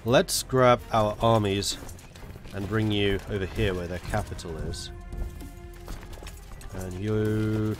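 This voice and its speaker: Over music, a congested streamer fighting a cold talks slowly and steadily in a fairly low voice during live strategy gameplay. He chats with viewers in a relaxed way, muttering to himself as he works out his moves.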